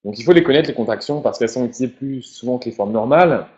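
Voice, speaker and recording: A man giving an informal English lesson, slowly repeating example phrases. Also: mid-range voice, darkish tone, lo-fi sound. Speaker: English teacher.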